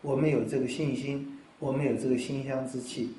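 A pastor giving a sermon in a conversational way, explaining step by step and asking rhetorical questions. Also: male voice, medium pitch, little pitch movement, brisk, dark tone, roomy sound, low-quality recording.

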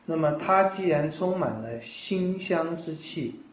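A man with a fairly high voice preaches a sermon in an easy, conversational manner. He works through his points step by step and poses rhetorical questions. The recording has a roomy echo around him. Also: animated, measured pace. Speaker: pastor.

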